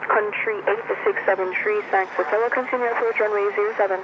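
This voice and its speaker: A man working as an air traffic controller, giving rapid, clipped instructions over a radio transmission heard through a headset. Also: high voice, fairly even intonation. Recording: lo-fi radio with static hiss.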